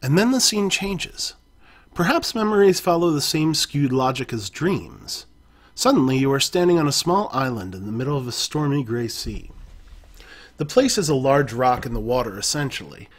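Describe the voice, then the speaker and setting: A man with an animated mid-range voice reads an interactive adventure story in the second person at normal speed, pausing occasionally to correct himself.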